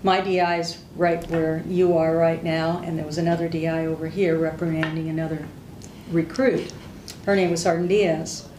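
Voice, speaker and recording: A low-pitched woman's voice with little pitch movement speaks at normal speed, telling honest, plain-spoken stories of her service. The older veteran, a native Hungarian speaker, is giving an oral history interview. Background noise and a roomy echo come through the distant mic.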